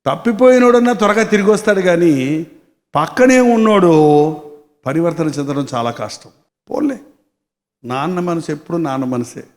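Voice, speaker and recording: A man pastor preaches with animated storytelling and keeps throwing rhetorical questions at his listeners. His voice sits high for a man. A long reverb from the large hall hangs behind him. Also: moderate pace, long pauses. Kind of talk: Telugu sermon.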